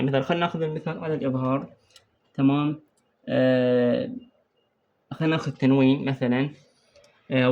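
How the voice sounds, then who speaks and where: A man with an Iraqi Arabic accent teaching an exam-prep lesson on Quran recitation rules. He quizzes the student and repeats key points slowly while writing on a board. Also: a little high, gravelly, darkish tone, lo-fi sound. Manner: writes on a board while explaining.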